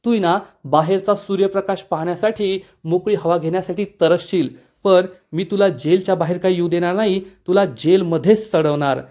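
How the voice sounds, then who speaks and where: A man's voice: sits high, moderate pace, warm tone, lightly acted. Arjun, a man reading a stern young hero. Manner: stern, threatening. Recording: dull lo-fi recording.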